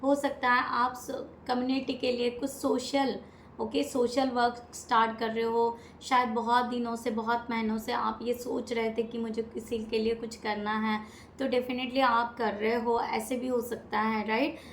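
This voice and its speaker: A woman's voice: fairly high pitch, little pitch movement, a little slow. A woman with an Indian accent giving a casual tarot reading, chatty and repetitive with many fillers. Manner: chatty, repetitive, lots of fillers and English words. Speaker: tarot reader. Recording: echoey room with faint noise.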